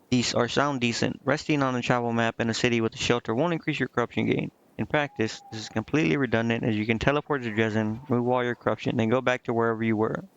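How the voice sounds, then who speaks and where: A man's medium-pitched voice is marked by vocal fry as he streams a game. He comments casually, reads aloud, and often talks to himself under his breath. The sound is muffled lo-fi stream audio with game music behind it.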